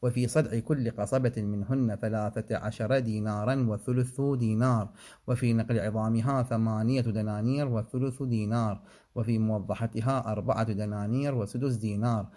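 Guy teaching religious law, reads out the text slow and steady then explains bits, kinda low voice. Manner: measured recitation of figures with asides and self-corrections. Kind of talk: seminary lecture, reading and explaining a text.

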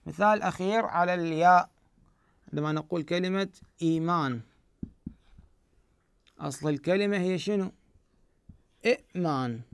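A man with an Iraqi Arabic accent explains recitation rules in a patient teaching voice, slightly high-pitched and very clear. He keeps asking the class a question and then answering it himself, repeating key words slowly. The recording is dry and close, with no room sound. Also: dry recording. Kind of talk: explanatory grammar lesson.

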